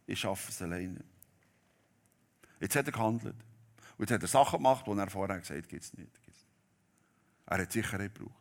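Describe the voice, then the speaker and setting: Man, sermon, dramatic retelling, loud-then-quiet delivery, somewhat low voice. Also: lively intonation, fast, long pauses. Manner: dramatic storytelling, swings between loud and hushed. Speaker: preacher. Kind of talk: sermon retelling a Bible story.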